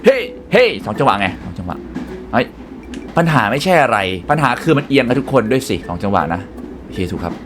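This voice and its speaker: A young man hosting a gaming channel, excitedly commenting on a puzzle game and talking to his viewers. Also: medium pitch, fairly quick, noisy background. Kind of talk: let's play commentary.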